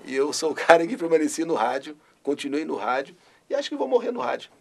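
Gravelly older Brazilian radio man. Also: a little high, fast. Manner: animated, bursts into his catchphrase. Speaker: radio host. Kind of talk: interview recollection.

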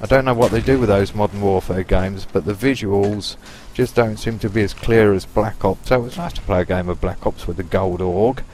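A Lancashire man in his late forties, a gaming YouTuber, rambles cheekily over his own video game footage in casual commentary. His voice sits on the low side, a little mellow, and moves briskly with hardly any pauses. There's slight background noise.

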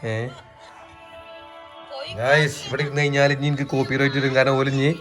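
A man's voice: mid-range voice, completely flat delivery, normal speed, a bit bright, soft background music. A man with a Malabar Malayalam accent, chatting casually to camera as a family vlogger and joking with viewers. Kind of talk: casual vlog chat to camera.

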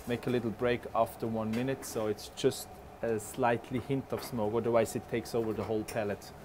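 A man's voice: mid-range voice, fairly quick. Chef guy, 40s, explaining his dish in a big kitchen, lots of uh's, light background hum. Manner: relaxed, explanatory, frequent "uh" fillers. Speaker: head chef. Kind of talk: explaining a dish while cooking. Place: large restaurant kitchen. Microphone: lapel.

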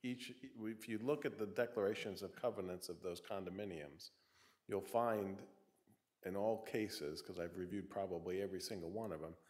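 A man's voice: low-pitched, steady tone, normal speed, darkish tone. A man serving as city attorney, assertively explaining property law at a council meeting. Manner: assertive, interjecting.

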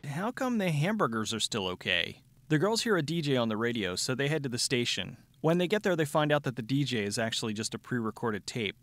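A man's voice: mid-range voice, sing-song, a little fast, a bit bright, no echo. A man giving a sardonic, scripted comedic movie recap as a show host, with dry wit. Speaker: film review show host. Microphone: close studio voice-over mic.

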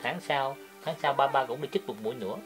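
A father chatting gently and reassuringly with his small child in a casual family video. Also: medium pitch, fast talker, music in the background.

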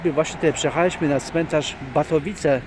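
Holding a phone camera, a vlogger narrates a casual outing with his family outdoors and at a mall, tossing in dry jokes as he chats. His slightly high voice stays steady at a fairly quick pace, and the outdoor phone audio is noisy.

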